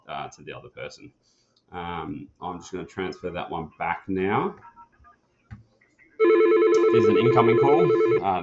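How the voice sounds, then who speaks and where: Heavy background noise surrounds a deep male voice in this dull, muffled lo-fi recording. The man is an instructor casually demonstrating an office phone system, plain-spoken and practical as he leads a learner through each step.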